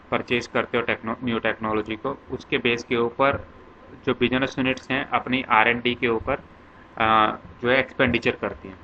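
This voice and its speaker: Through slightly dull, faintly noisy lo-fi audio, a male commerce lecturer explains concepts one step at a time, using numerous examples and lists. His mid-range voice comes across as pushed and bright.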